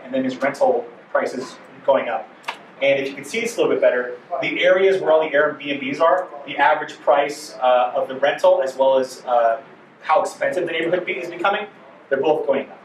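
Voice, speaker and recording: A man's voice: a little high, a little hiss or hum. A man giving a conference workshop talk, loose and chatty, full of fillers and asides. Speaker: workshop presenter. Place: conference room. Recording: roomy hall audio from a distance.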